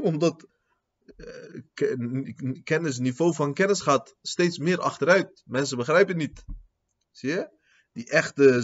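A man teaching a religious lecture in Dutch. He mixes in Arabic terms, uses non-native grammar, and keeps asking rhetorical questions. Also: fairly high pitch. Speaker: Islamic teacher giving a lecture. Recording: dull lo-fi lecture recording.

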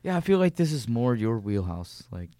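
A man playing a tabletop game with a lively voice that swings up and down, upbeat in tone. The recording is dry and close. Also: medium pitch, moderate pace, dry recording. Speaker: player. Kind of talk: casual tabletop role-play.

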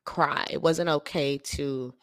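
A woman hosting a solo podcast, talking in an earnest, confiding way with soft laughs, tired. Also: low-pitched, steady tone, takes it slowly, no room sound, studio quality. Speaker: podcast host. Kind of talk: reflective solo podcast talk.

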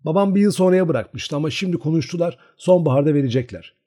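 A man's voice: fairly high pitch, expressive, quick pace, mellow, voice pushed up. A man reading aloud, voicing a shy but proud young peasant girl who answers her friend stubbornly. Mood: confiding.

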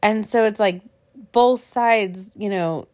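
Woman, mid pitch, chatty podcast co-host who laughs a lot and uses lots of fillers. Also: slow pace, darkish tone. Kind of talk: casual chat.

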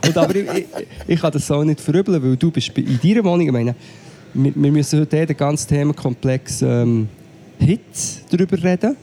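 A man with a Swiss German accent speaks at a moderate pace in a slightly high, warm voice. He's sick at home, coughing, and chats casually as a podcast co-host over a remote call while complaining about the connection.

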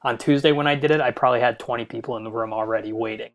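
A man's voice: medium pitch, steady tone, racing. A young man co-hosting a casual podcast chat, rambling through a story with lots of "like". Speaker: podcast co-host.

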